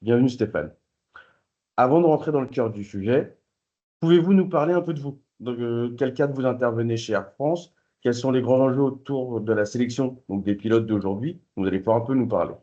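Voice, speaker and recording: Mellow male moderator on dull audio. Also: medium pitch, brisk. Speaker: event host and moderator. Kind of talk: moderating a presentation.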